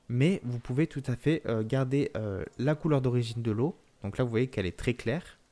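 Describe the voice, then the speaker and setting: Relaxed, mellow-voiced man touring a game. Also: mid-range voice. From France. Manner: relaxed, many filler pauses. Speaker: gaming video host. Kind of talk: game walkthrough commentary.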